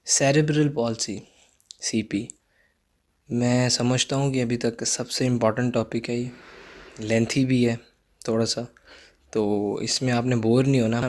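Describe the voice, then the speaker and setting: A young man delivers a recorded psychology lecture in an instructive tone. His voice sits at a middle pitch. He goes over key points again and tells his students to note them down.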